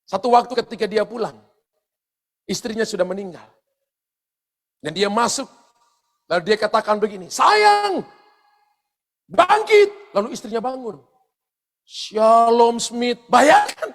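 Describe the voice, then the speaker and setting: A man with a strikingly high voice preaches a sermon as pastor. He talks straight to the congregation and acts out stories with big, loud exclamations. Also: moderate pace, pauses often. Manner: animated storytelling with loud exclamations; addresses the congregation directly and often. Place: church service.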